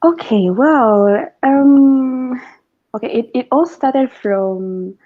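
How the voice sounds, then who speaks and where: A woman from Zambia, a water engineer, speaking as a guest in a casual online interview, relaxed and friendly. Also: high voice, drawn-out words. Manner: relaxed and friendly, with easy fillers. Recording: dull lo-fi video call audio.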